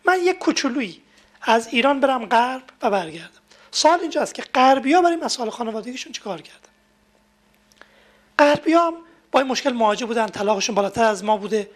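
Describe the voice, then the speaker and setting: A woman with a high, light voice gives a talk on family life. She explains in a steady, teaching way and walks through everyday examples from the home. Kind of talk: lecture on marriage and emotions.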